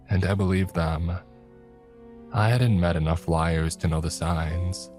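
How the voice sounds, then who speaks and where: A man telling a first-person horror story in a slow, hushed narrating voice. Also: deep voice. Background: faint music.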